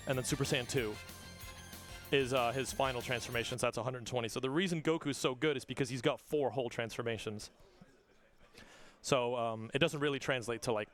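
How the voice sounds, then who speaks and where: A man giving casual, excited live commentary while speedrunning a game. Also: mid-range voice. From not Australian. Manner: casual, excited, talks fast between game moments. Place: live event stage. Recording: game music playing behind.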